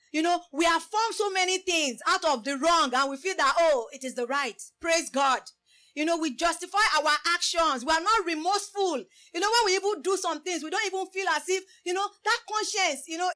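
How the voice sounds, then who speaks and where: Woman, high voice, non-native english speaker, preaching a sermon, repeats praise the lord. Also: pushed and bright. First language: a language other than English. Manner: repeats "praise the Lord" and asks the listeners rhetorical questions.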